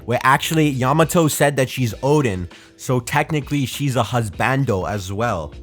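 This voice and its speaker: Brief: young male host, casual review, self-deprecating rambler, mid pitch, animated swings. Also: normal speed, faint music behind. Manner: rambling, self-mocking, many fillers.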